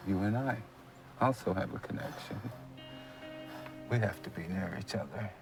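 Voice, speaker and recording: A male actor plays a calm, enigmatic man from another world in a film drama. The voice sits low and moves in measured, solemn explanation. Music plays clearly behind it. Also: low-quality recording. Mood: calm, insistent. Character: mysterious, calm male stranger from parallel world.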